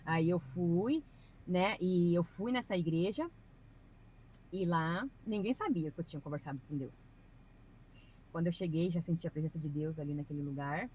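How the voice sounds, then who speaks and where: A woman's voice: lowish voice, moderate pace, warm tone, a little hiss or hum, low-quality recording. A woman guest on a podcast, talking earnestly and at length about her faith in a casual, chatty way with preachy asides. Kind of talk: casual testimony.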